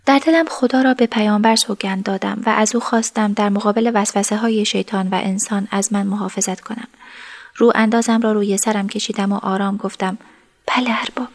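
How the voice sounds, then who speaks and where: A woman narrating a story in the first person, in a soft, sometimes whispered voice. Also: mid-range voice, steady tone.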